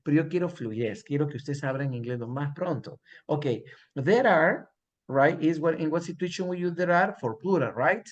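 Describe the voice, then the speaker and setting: A man teaching an English class in Spanish and English, repeating example sentences slowly for his students. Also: a little high.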